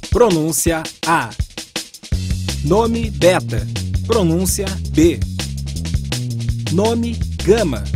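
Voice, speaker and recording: A voice reading the letters of an alphabet aloud in a slow, even, repetitive pattern. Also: mid-range voice. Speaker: alphabet reader. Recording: loud music under the voice.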